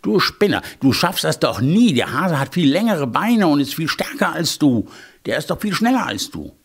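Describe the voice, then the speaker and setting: A man's voice: fairly high pitch, very animated, moderate pace, slightly rough, voice pushed up, heavily acted. A man doing a scolding hedgehog wife. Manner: scolding and doubtful.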